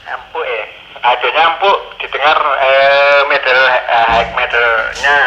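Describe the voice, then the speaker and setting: A man's voice: mid-range voice, fairly even intonation, unhurried, sharp tone. A man, an amateur radio operator, heard over a handheld two-way radio speaker, giving a clipped signal report with call signs and ending his turns with "over". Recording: muffled radio transmission with faint hiss.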